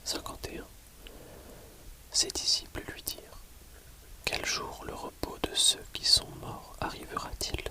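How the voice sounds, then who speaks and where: ASMR audiobook reader: library whisper throughout, very slow, measured phrasing. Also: poor audio. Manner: measured, pausing between short phrases.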